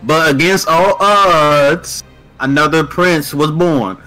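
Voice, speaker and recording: A man's voice: fairly high pitch, slow pace, bright, forceful tone, soft background music, low-quality recording. A man voicing a scheming young man who taunts a princess in a casual fan voice-over of a game scene, stumbling over words and laughing through lines. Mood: mocking.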